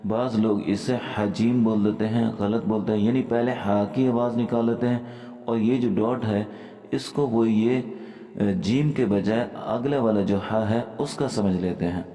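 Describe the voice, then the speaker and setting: A man teaching Quran pronunciation, explaining step by step and then reciting verses slowly and drawn out. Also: lowish voice, steady tone, warm tone. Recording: echoey room with long reverb.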